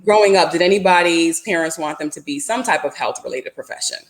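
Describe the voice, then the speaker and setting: A woman hosts a lighthearted online panel, playful and quick to laugh. Her voice sits a little low. She sounds like she is speaking into a home setup on a video call. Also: lively intonation. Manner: playful, laughs often, teasing. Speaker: panel moderator. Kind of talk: hosting a lighthearted panel chat.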